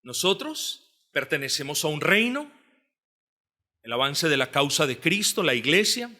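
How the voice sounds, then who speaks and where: A man's voice: a little high, sing-song, a little slow, pushed and bright. A man preaching an expository sermon, reading scripture with rising emphasis, repeating phrases and asking the congregation questions. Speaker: pastor.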